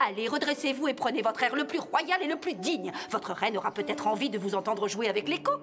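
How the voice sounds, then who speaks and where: A woman's voice: on the high side, a little fast, lightly acted. A woman voicing a formal, insistent royal courtier in a cartoon. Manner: formal and firm. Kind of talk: French cartoon voice acting.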